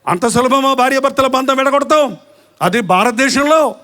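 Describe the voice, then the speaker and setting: A middle-aged man preaches a sermon in a strikingly high voice. He moves between plain teaching and acted-out quarrels, changing his voice for each part. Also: moderate pace. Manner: lively preaching that acts out quarrels in different voices. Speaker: pastor.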